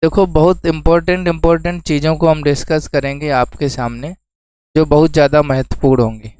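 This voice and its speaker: A man's voice: a little high, steady tone, brisk, a little mellow, smooth, no echo, poor audio. Man teaching exam prep, question-and-repeat style. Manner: explains then repeats key terms as questions to students.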